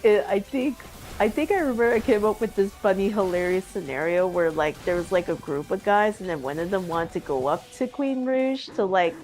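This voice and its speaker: A woman's voice: mid-range voice, expressive, brisk, darkish tone, faint music behind. A woman chatting casually on a stream, rambling with many fillers and frequent giggles. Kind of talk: casual chat.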